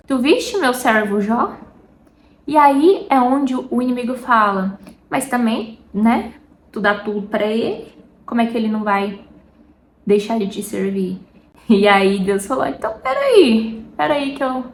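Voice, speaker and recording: A woman with a Brazilian Portuguese accent talks in a slightly high voice, chatty and heartfelt, as she addresses viewers intimately in a casual faith vlog. She often drifts off topic mid-thought. The room gives her voice a clear echo, with faint noise behind it. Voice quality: warm, intimate, talks directly to viewers as "meu amor". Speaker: vlogger.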